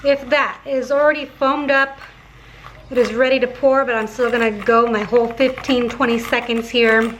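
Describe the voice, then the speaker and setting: A woman's voice: a little high, steady tone, normal speed, fairly bright tone, faint music behind. A woman chatting casually to viewers while cooking in her kitchen, with a slight lisp from dental aligners. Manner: chatty, addresses viewers as guys, many fillers like 'like'. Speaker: cooking vlogger. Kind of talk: casual kitchen vlog chat.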